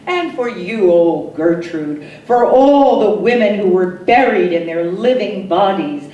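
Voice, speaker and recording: A woman poet gives a dramatic recitation of her own work, solemn and deliberate, with emphatic phrasing and pauses. Her voice is medium-pitched and dark-toned. The recording is echoey and noisy, with a distant mic.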